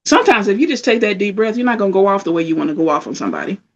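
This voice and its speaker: A woman's voice: mid-range voice, expressive, rapid-fire, lo-fi sound. A middle-aged woman giving a motivational self-care talk, emphatic and conversational, repeating her points. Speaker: spiritual talk speaker.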